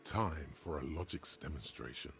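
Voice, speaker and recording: A man voicing the measured narrator of a detective video game. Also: a bass voice, fairly bright tone, soft background music. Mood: calm.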